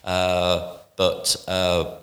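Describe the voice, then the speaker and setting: A man running a kitchen appliance shop talks about his business in an interview. His voice sits very low and stays flat, and he speaks in a measured way with frequent "uh" fillers and restarts.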